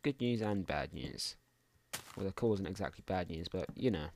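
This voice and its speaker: A young man with a lowish voice rambles and mutters as he plays, trailing off into half-finished asides. His homemade recording carries a clear hiss and faint clicking in the background. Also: animated, moderate pace, darkish tone. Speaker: gaming channel host. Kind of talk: casual let's play commentary.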